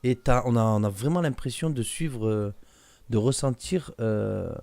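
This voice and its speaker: A man's voice: mid-range voice, unhurried, gravelly, mellow, no room sound. A young man reading a classic story aloud as a streamer, breaking off for hesitant, filler-heavy asides. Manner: hesitant asides with many fillers between read passages.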